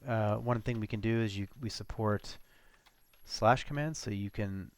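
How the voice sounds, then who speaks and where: Thinking aloud in a casual, halting way, a lowish-voiced man walks through a software demo in an informal screencast.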